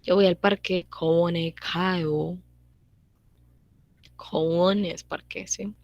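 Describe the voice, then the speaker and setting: Low-voiced woman teaching grammar casually. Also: steady tone, gravelly, a little mellow, no room sound, highs cut off. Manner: repeats points and checks in with quick tag questions. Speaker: language teacher. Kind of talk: casual online grammar lesson.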